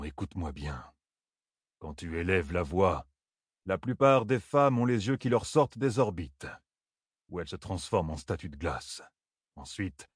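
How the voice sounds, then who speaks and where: Man doing a wry old woodsman, low and husky. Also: no room sound, studio quality. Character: weathered older bearded woodsman, dry and wary.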